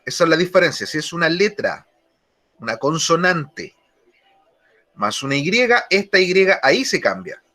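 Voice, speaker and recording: Bright-voiced male teacher, slow and deliberate. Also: on the high side, very animated. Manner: slow, deliberate explanation, repeats key words. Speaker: English teacher. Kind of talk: online grammar lesson.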